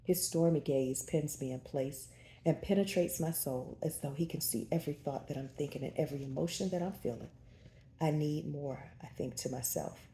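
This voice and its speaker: A woman narrating a first-person romance audiobook in an intimate, breathy storytelling manner. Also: low-pitched, brisk, warm tone, echoey room, a little hiss or hum.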